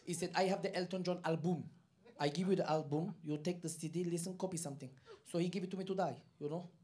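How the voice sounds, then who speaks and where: A male comedian with a put-on Armenian accent, doing live stand-up in broken, halting English on a comedy club stage. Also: high-pitched, steady tone, darkish tone. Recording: live club recording with crowd and piano. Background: audience laughter and piano.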